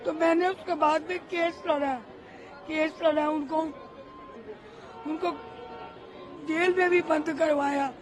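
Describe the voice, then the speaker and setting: A woman's voice: high-pitched, steady tone, slow pace, long pauses, a crowd in the background. An older woman giving an impassioned street interview as the widow of a riot victim, calling the reporter "beta".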